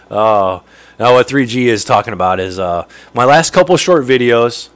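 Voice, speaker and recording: This livestream host is a man in his thirties, nasal from a cold he's getting over, speaking from his home fishroom indoors among aquariums. His mid-range voice is smooth, with lively intonation and a measured pace, as he chats, laughs a lot, and calls out viewers by name. He's picked up by a close stand-mounted studio mic.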